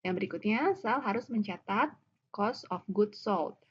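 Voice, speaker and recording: Speaking at a measured pace in an animated, mid-range voice, this Indonesian-accented woman lectures on accounting, walking through worked examples one step at a time. She frequently poses questions and answers them herself. Background noise is clearly audible in the dull, lo-fi audio.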